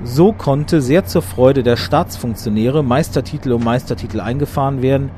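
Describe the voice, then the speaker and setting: A man with a mid-range voice reads a scripted documentary report, delivering dates and facts in a measured, matter-of-fact manner with a warm tone. The recording is noisy, and traffic can be heard plainly behind him.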